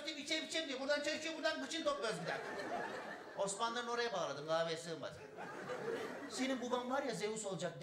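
A comedian playing a crude, rambling old village man with a rural North Aegean Turkish accent in a stand-up bit. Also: high voice. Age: older. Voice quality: broad rustic drawl, scolding and bawdy. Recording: echoey stage recording, audience noise.

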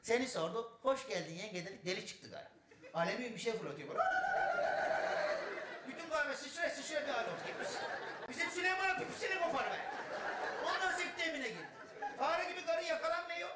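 A man's voice: extremely high pitch, animated, fairly quick, pauses often, a loud crowd, voice pushed up. A comedian playing a crude, rambling old village man with a rural North Aegean Turkish accent in a stand-up bit. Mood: scolding. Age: older. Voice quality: broad rustic drawl, scolding and bawdy. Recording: echoey stage recording, audience noise.

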